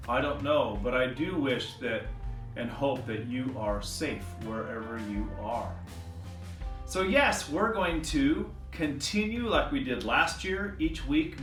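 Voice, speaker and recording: A man teaching an online music lesson to young children, gentle, encouraging and playful. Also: medium pitch. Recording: echoey room, voice a bit distant. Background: acoustic guitar.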